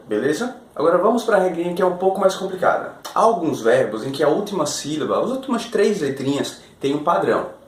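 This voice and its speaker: Upbeat higher-voiced male teacher, roomy sound. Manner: upbeat, explains step by step, often asks the viewer questions. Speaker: English teacher. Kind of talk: online English lesson. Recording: roomy echo, faint ambient noise.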